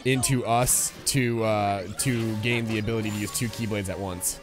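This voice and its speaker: Guy streaming a game and chatting about it, lowish voice, reads the screen out loud, faint game music behind. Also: steady tone, moderate pace. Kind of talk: casual gameplay commentary.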